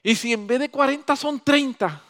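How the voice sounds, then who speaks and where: A preacher doing a pleading old Abraham. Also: male voice, very high voice, moderate pace, a bit bright, pitched above the performer's own voice. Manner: pleading, coaxing.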